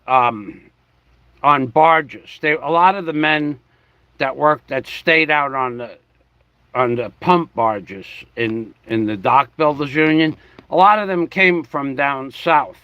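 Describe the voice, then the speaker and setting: A man from the New York–New Jersey area rambles through a livestream chat, spelling words letter by letter while he adjusts his camera. His voice is a little high and slow, and the recording has no echo, with the highs cut off.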